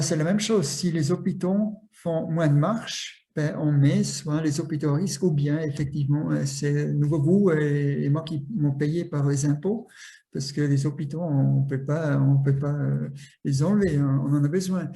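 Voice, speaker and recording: Man, foreign accent in French, non-native speaker, higher-pitched, soft mellow tone, halting explanatory presentation. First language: not French. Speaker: industry association representative, speaker. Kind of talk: presentation to an audience.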